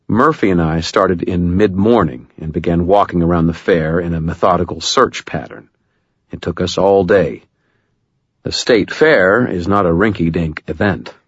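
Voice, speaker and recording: A man's voice: low-pitched, normal speed, breathy edge, no room sound, muffled recording. A man narrating a first-person audiobook with wry, dry humor.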